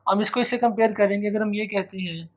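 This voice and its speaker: A man's voice: sits high, steady tone, quick pace. A man giving an exam-prep grammar lecture, repeating key phrases and stretching out his example words. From Pakistan. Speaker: English teacher.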